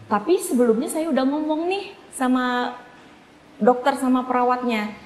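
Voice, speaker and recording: A woman telling a family story in a casual interview, acting out the dialogue in lively voices. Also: high-pitched, moderate pace. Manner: animated, acts out quoted dialogue. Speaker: guest sharing a family case story. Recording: echoey room with faint background noise.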